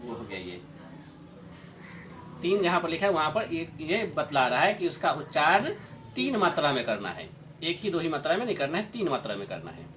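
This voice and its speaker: A middle-aged man teaching a grammar lesson to a class, explaining slowly, repeating his points and chuckling often. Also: fairly high pitch, huge pitch swings, a bit bright, a little hiss or hum.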